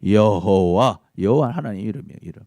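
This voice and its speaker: A man's voice: lowish voice, lively intonation, brisk, dark tone, no room sound, clean studio sound. A man preaching a sermon to a youth service, asking his listeners questions and acting out the lines he quotes. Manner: asks the audience questions and answers them, acts out quotes. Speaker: youth pastor. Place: church worship service.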